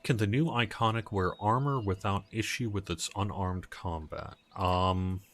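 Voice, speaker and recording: A man with a low but bright voice hosts a game stream. He chats casually and haltingly, thinking aloud as he plays and responds to viewers. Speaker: livestream host. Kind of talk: casual chat while playing, answering viewers.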